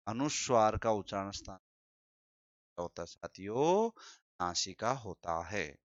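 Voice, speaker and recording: A man's voice: mid-range voice, fairly bright tone, smooth, dry recording. A man teaching a Hindi grammar lesson, repeating key terms and quizzing his listeners. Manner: drawn-out, deliberate delivery. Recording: slightly dull, dry sound.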